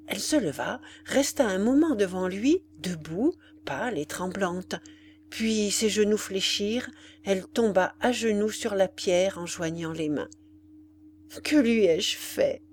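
A woman's voice: medium pitch, animated, a little slow, slight background noise. Woman narrating a classic novel. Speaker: audiobook narrator. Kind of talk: literary audiobook narration.

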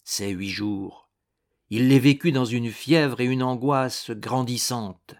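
Man, audiobook narrator, slow measured reading, dramatic, adventure novel. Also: medium pitch.

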